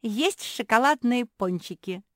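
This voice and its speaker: Woman doing a squeaky naive little pug girl, blurty and chatty, loud and bouncy. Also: big pitch swings, no room sound, clean studio sound. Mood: eager. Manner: eager, blurts things out quickly. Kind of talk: storybook character voice.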